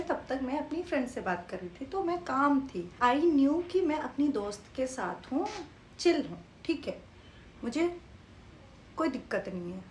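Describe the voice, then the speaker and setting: A young woman telling a story in a casual vlog, lively and animated, mixing English phrases into her talk. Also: a little high. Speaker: vlogger. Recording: echoey room with faint background noise.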